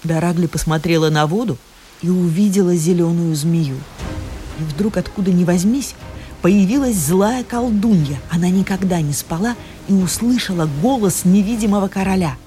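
A woman narrating a fairy tale with expressive storytelling. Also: lowish voice, normal speed. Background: faint music.

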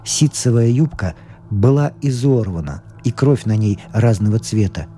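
A man reading a literary story aloud in the first person, measured and expressive, with faint music behind. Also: fairly low pitch. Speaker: narrator.

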